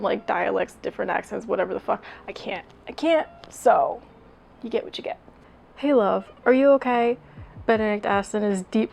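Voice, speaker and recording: Sweary, gravelly young woman reading fanfic. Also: mid-range voice, darkish tone, poor audio. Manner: self-deprecating, sweary, exasperated. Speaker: YouTuber.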